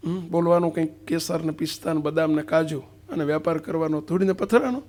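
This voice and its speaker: A man's voice: on the high side, fairly quick, a little mellow. A man giving a devotional sermon, questioning his listeners and stressing points with emphasis. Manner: questioning, emphatic, acts out a street seller's cries. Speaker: preacher.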